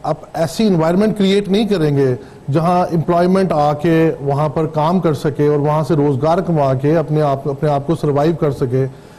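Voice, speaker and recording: A man's voice: on the high side, fairly even intonation, moderate pace, warm tone. A man with a Pakistani Urdu accent, a company CEO speaking as a guest in a TV studio interview, earnest and hesitant with fillers.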